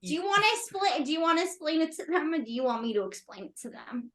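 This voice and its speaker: A woman's voice: high-pitched, very animated, fast, a bit bright. A woman playing a tabletop role-playing game, chatting and improvising casually and playfully.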